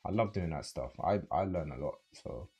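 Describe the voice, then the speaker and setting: Deep gravelly London streamer. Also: male voice, moderate pace, highs cut off, faint music behind. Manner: relaxed, rambling, many fillers and restarts. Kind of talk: casual livestream chat with viewers.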